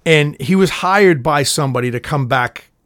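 A man's voice: fairly high pitch, moderate pace, a bit bright, no echo, clean studio sound. A man telling stories in a casual chat, rambling and swearing, acting out the scenes. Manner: rambling storyteller, swears often, acts out scenes.

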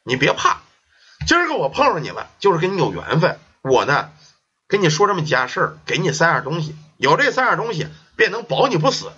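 A man voicing a stern but kindly old male Taoist priest, talking in slow grave warnings. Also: a little high, wildly swooping pitch, pushed and bright, slightly rough, full character voice. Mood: reassuring. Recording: dull lo-fi recording.

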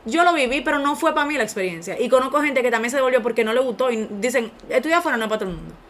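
A young woman, co-hosting a casual chat and telling animated stories to her listeners. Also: sits high, very fast. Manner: animated storyteller, addresses listeners as "señores".

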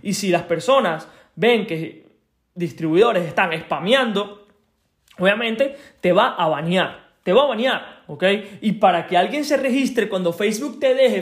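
Man, high voice, blunt tough-love coach, chatty, keeps asking "ok?". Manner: chatty, laughs between points. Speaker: network marketing coach. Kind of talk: direct-to-listener advice talk.

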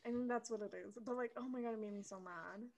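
A woman's voice: fairly high pitch, quick pace, gravelly. A young woman co-hosting a podcast, chatting casually and ranting heatedly, with a lot of swearing. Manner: animated, swears, heated rants with quoted voices. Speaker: podcast co-host. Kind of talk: casual chat.

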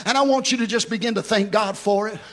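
High-voiced man preaching a fervent sermon. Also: a bit bright. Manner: impassioned preaching with sung, drawn-out phrases; repeats words when telling stories. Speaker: pastor. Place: church.

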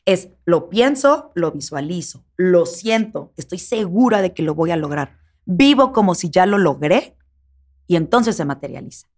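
A woman's voice: lowish voice, expressive, normal speed, darkish tone. A woman in her thirties with a Mexican accent, a guest actress in a casual interview, talking emphatically and repeating words for stress.

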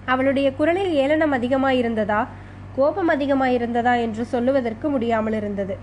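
A woman reading a serialized novel aloud in a steady, even storytelling manner. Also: high voice, normal speed, a little hiss or hum, poor audio. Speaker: story narrator.

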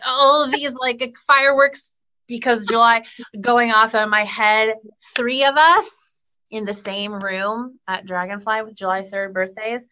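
A woman's voice: a little high, fairly even intonation, unhurried, pushed and bright, slight background noise. A woman hosting a podcast, chatting casually and upbeat with lots of fillers. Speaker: podcast host.

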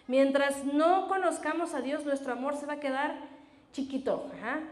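A woman's voice: high voice, moderate pace. A woman giving a Bible teaching talk, often asking her listeners questions and answering them herself, with a frequent "ajá". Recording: roomy echo.

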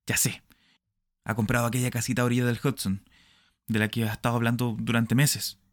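A man voicing a middle-aged husband in a storybook reading, who moves from quiet scheming to alarmed shouting. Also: mid-range voice, little pitch movement, a little fast, no echo, clean studio sound, natural voice. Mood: furious.

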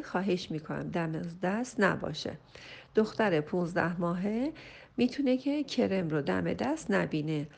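A woman's voice: fairly low pitch, vocal fry, darkish tone. A woman family counselor reading a listener's question and answering it with earnest, emphatic parenting advice. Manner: earnest, advising, slows and rises for emphasis. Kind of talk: recorded voice message answering a listener.

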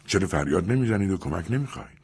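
A man's voice: sits low, animated, creaky, a little mellow, husky, exaggerated voice. A man doing a bitter, accusing rich man. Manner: stern, accusing. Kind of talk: audiobook character reading.

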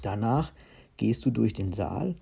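A fussy, nervous organizer from a children's storybook, read by a man. He instructs urgently and insistently in a slightly raised, husky, gravelly voice. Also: lowish voice, lively intonation, measured pace, dark tone, exaggerated voice. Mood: urgent coaching. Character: fussy nervous male organizer coaching a gruff robber.

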